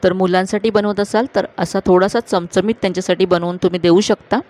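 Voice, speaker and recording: A woman hosting a cooking channel, calmly narrating each step of a recipe to viewers in a voice-over. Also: mid-range voice, fairly quick. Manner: calm, instructive, addressing viewers directly.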